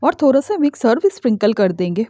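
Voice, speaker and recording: High-voiced woman guiding a home recipe. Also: quick pace, dry recording, clean studio sound. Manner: calm, instructional, explains each step. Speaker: cooking channel host. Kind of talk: step-by-step cooking voice-over. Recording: dull lo-fi voice-over.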